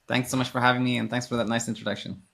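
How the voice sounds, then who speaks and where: This Swedish man, a sleep coach and former sleep physician, is a guest on a podcast. His mid-range voice is flat, creaky and a bit bright, and he races along, answering interview questions informally and explaining things while rephrasing as he goes.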